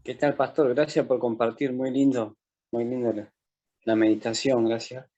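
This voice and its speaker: A man's voice: mid-range voice, level tone, normal speed, mellow, highs cut off. A man, a street evangelist, asking his pastor a question in a conversational way and often tagging phrases with a question. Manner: conversational, tags phrases with "verdad".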